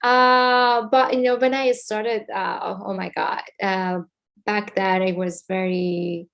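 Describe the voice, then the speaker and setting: A woman from Iran with an Iranian accent, a filmmaker guest talking in a thoughtful, halting way with many fillers. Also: mid-range voice, steady tone, gravelly, fairly bright tone. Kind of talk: casual interview.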